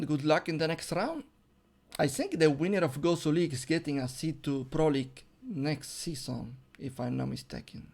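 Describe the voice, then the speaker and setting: A young man casting a game on his own, hoarse and losing his voice, who bursts into high excited yelps at big plays. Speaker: esports caster. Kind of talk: solo game commentary.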